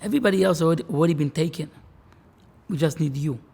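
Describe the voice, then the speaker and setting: Husky rabbi in his forties. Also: fairly high pitch, a little mellow. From Israel. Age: 40s. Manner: earnest, measured, with restarts. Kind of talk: interview, reflective talk.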